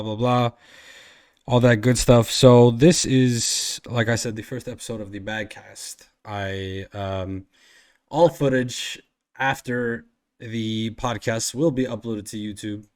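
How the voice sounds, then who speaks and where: A man's voice: mid-range voice, clean tone. A man hosting a casual podcast with friends, rambling with lots of fillers and swearing, from Iceland. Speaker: podcast host and streamer.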